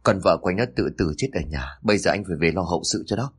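A man's voice: low-pitched, very fast, slightly rough. A man voicing a callous young husband who speaks in a curt, dismissive way in a spoken story. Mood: cold.

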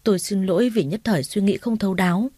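A weak, remorseful older father, read by a woman in a sighing, pleading tone with a mellow, warm voice. Dry and close, with no room sound behind the storybook reading. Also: medium pitch, fast talker, husky, no echo, close to an everyday voice.

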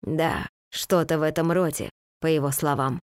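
A woman voicing a weary, gentle husband who speaks slowly in a low, subdued, halting way. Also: steady tone, smooth, no echo, clean studio sound, lightly acted. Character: weary, soft-spoken husband, gentle, slow.

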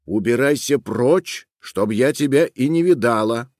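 A man voicing a haughty, rude young woman who scornfully shouts people away. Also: mid-range voice, expressive, measured pace, no echo, clean studio sound.

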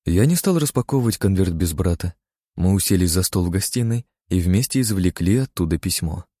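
A man reading first-person fiction as an audiobook narrator, steady in narration and livelier in dialogue. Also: deep voice, a little fast, no echo, clean studio sound.

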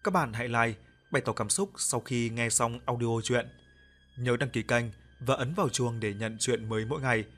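A man narrating an audio ghost story in a calm, even reading voice. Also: medium pitch, moderate pace. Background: soft background music.

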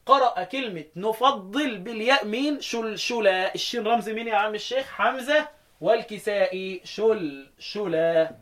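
A man with an Egyptian accent teaching a Quran recitation lesson, quizzing his students and chanting verse lines slowly before explaining them. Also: sits high, a bit bright.

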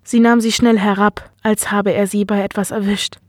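Steady woman reading a story. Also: medium pitch, moderate pace, no echo, clean studio sound. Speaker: reader.

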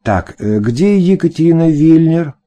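A man's voice: on the high side, lively intonation, a little slow, mellow, voice pushed up. A man voicing an elderly male American social worker who asks questions politely and with detachment in an audiobook. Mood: formal.

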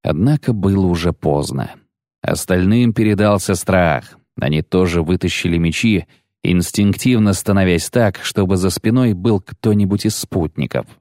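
A man narrating an audiobook in a steady, measured reading voice. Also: deep voice, dry recording, studio quality. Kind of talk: scripted narration.

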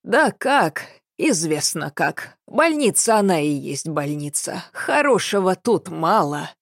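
An elderly woman in a hospital speaks simply and plaintively, in a lowish voice, as a woman narrator plays her. The audiobook sound is dry and close. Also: big pitch swings, slow, dry recording, full character voice.

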